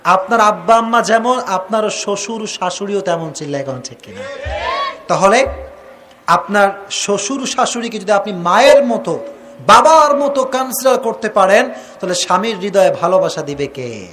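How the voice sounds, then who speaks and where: A male preacher giving a sermon to a crowd. He shouts questions at the listeners and wants loud replies, acts out quarrels between husband and wife, and mixes English phrases into his talk. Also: high-pitched, animated, moderate pace, soft background music. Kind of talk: Bangla waz sermon to a crowd.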